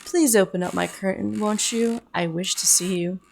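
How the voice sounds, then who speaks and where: A woman's voice: mid-range voice, fairly even intonation, moderate pace, creaky, darkish tone, a little hiss or hum, natural voice. A woman voicing a sly old woman trapped in a confessional, pleading in a sweet, coaxing way as she reads game dialogue aloud.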